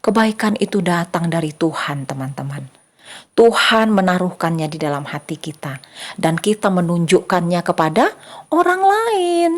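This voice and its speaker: Animated woman preaching to children. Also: fairly low pitch, normal speed. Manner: animated, acts out little voices and exclamations for kids. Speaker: children's church teacher. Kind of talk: children's sermon.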